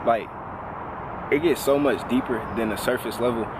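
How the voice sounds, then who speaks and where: A man of twenty talking casually and reflectively as a vlogger, relaxed and full of fillers. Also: mid-range voice, normal speed, very noisy. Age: 20s. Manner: relaxed, conversational, lots of "like" fillers.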